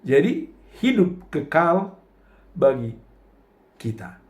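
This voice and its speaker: Slow, animated male preacher. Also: fairly high pitch. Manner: slow, emphatic preaching with rising outbursts when quoting. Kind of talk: sermon.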